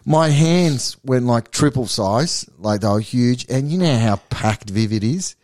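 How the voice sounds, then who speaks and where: A man's voice: mid-range voice, animated, a little slow, darkish tone. Laid-back man telling a story. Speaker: podcast co-host. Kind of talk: casual banter.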